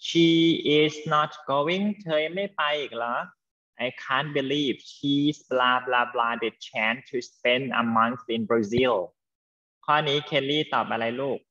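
A man teaching an English class to students, explaining slowly and patiently and affectionately calling them "child". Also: medium pitch, fairly even intonation, sharp tone, highs cut off. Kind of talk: online class lesson with students.

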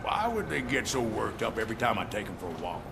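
An actor playing an oblivious, self-satisfied dog owner earnestly complaining in a video game. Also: male voice, lowish voice, huge pitch swings, fast, creaky, background noise, full character voice. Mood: earnest, aggrieved.

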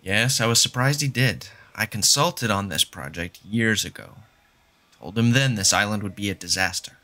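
The fan actor voicing the sardonic, confident mathematician speaks in a low-leaning, bright voice with a forceful tone. He keeps a moderate pace, lecturing with patience and emphasis in this audio drama.

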